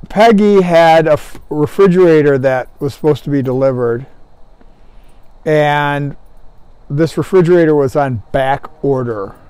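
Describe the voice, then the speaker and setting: A man's voice: on the high side, warm tone, smooth, dry recording. A man telling a personal work story to camera in a casual, earnest way, with fillers and repeated words. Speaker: Lowe's employee and gym owner.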